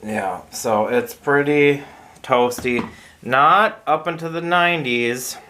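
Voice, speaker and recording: Man, casual homebrew vlog host, mid-pitched, loose and rambling on a porch, faint hiss. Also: takes it slowly, pushed and bright. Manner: rambling, filler-heavy, thinking aloud.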